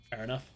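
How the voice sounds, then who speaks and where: A British man chatting casually while streaming a card game, thinking aloud, greeting viewers and breaking into sudden excited outbursts. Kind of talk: casual live-stream gameplay commentary.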